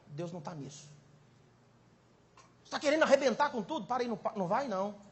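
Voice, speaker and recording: A man, a pastor, preaching a sermon at a conference, swinging between loud exclamations and quiet, intimate passages. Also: high voice, animated, fast, reverberant. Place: large conference hall.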